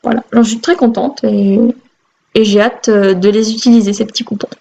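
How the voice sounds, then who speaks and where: A chatty woman with a fairly high voice talks casually at home, full of little fillers and pauses. The sound is a bit dull, like a simple home video recording. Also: steady tone, vocal fry, warm tone. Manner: chatty, cheerful, many fillers. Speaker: craft vlogger. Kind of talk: casual chat. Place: home room with a Christmas tree.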